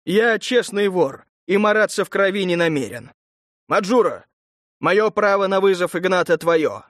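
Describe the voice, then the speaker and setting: A man's voice: high-pitched, lively intonation, normal speed, a bit bright, dry recording, studio quality. A man voicing a cowardly male thief captain who speaks hesitantly and evasively, in a storybook reading. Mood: nervous.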